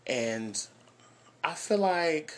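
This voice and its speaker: Young male podcast host, twenties, high-ish voice, excitable and slangy, faint noise behind. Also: drawn-out words. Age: 20s. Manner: animated, hyped, talks with slang and exclamations. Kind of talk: casual podcast chat.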